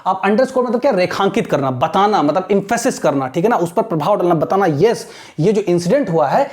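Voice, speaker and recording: A woman with an Indian accent teaching an English editorial, reading lines slowly and explaining each one with a repeated "theek hai na". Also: medium pitch, lively intonation, a little mellow.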